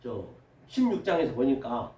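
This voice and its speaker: Animated Korean man preaching in an echoey room. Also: mid-range voice, moderate pace, recorded from a distance. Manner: animated, acts out Bible dialogue with rough colloquial lines. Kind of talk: sermon lecture.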